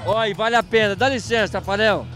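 A man's voice: high-pitched, quick pace, over music, a crowd in the background. A middle-aged Brazilian man presenting live from a rodeo like a hyped, emphatic announcer, talking into a handheld microphone. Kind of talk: live event reporting and interviews. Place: at a rodeo festival, in booths and outdoor stalls.

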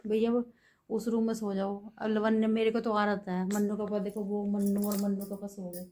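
A woman talking softly to her children and the camera at home late at night, recorded on a phone. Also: medium pitch, level tone, a little fast. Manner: soft, coaxing talk to children at night. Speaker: vlogger, mother. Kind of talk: casual home vlog.

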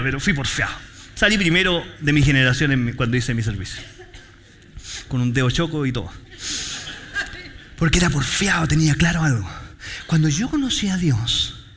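A Chilean pastor preaching a sermon in church, telling stories with jokes and street slang. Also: male voice, fairly high pitch, slight background noise. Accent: Chilean Spanish. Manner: animated, joking storytelling with street slang.

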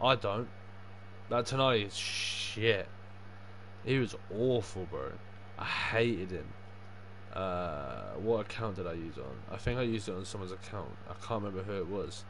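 A man's voice: deep voice, expressive, measured pace, a bit bright. A young man chatting casually on a gaming livestream, sweary and full of matey slang. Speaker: livestreaming gamer. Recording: clear background noise.

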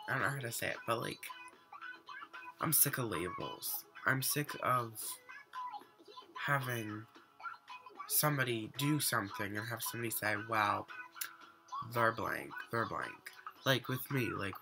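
Talking into his desk webcam, a teen vlogger in his bedroom rants casually and earnestly, full of fillers and restarts. He's getting over an illness, so his medium-pitched, gravelly voice sounds slightly off.

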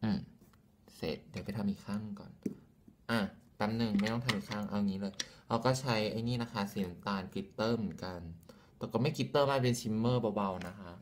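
A man with a fairly low voice talks through a makeup tutorial in a loose, rambling way. He fills his sentences with fillers and ends them with polite feminine particles. It sounds like a phone camera recording. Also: fast talker, a little hiss or hum. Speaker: makeup vlogger. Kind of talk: casual makeup tutorial chat.

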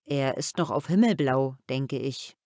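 A woman voicing a gentle, thoughtful father who talks calmly and a little sadly, in a children's audiobook. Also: extremely low pitch, measured pace, no room sound, clean studio sound. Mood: reflective. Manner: calm, reflective storytelling.

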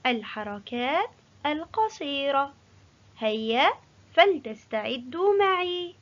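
High lively lady teacher talking slow to little kids, dull dry lo-fi sound. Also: no room sound. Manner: slow, sing-song, encouraging. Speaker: kindergarten teacher. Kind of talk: teaching young children.

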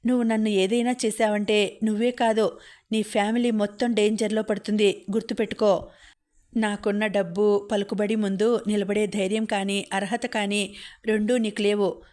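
Woman voicing a sharp-tongued rich young woman. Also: medium pitch, level tone, moderate pace, natural voice. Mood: threatening. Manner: scornful, threatening.

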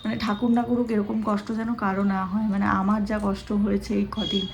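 A hoarse woman with a sore throat from West Bengal, India, chatting casually in a home vlog and speaking softly to spare her voice. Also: medium pitch, flat delivery, fast talker, a little hiss or hum. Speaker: vlogger.

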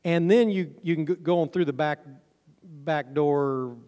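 A middle-aged honey farm owner speaks at a conference in a folksy, informal, self-deprecating way, his voice on the high side, warm and measured in pace. He uses a handheld mic through the PA on a big indoor auditorium stage, and an audience camera captures it with hall reverb from the sound system.

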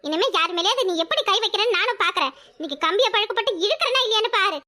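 A woman's voice: very high-pitched, expressive, rapid-fire, pushed and bright, full character voice. A woman voicing an angry mother in a cartoon, nagging and threatening her son. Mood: scolding. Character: angry scolding village mother.

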